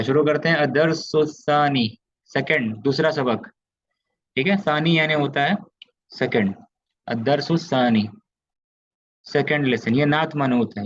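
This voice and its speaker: A man's voice: mid-range voice, muffled recording. A man from India teaching an Arabic grammar lesson, explaining patiently and often checking that his students follow. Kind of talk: online class lecture.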